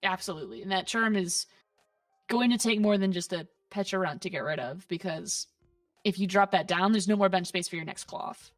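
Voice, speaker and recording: A woman's voice: medium pitch, no room sound, faint music behind. Woman casting a card game, slightly distant. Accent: Southern US. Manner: analytical, quick, playful asides. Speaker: caster. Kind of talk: esports game commentary.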